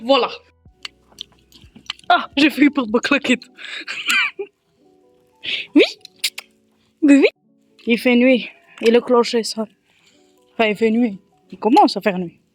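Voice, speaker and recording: This time she speaks slowly with long pauses, her voice on the high side, over soft background music. Holding her phone, she rambles through a casual vlog, chatty and self-mocking.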